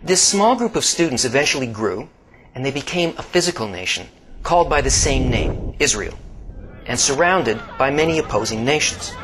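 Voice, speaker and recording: A man giving slow, scripted documentary-style narration, swinging between hushed low passages and emphatic rises. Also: poor audio. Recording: steady background hiss.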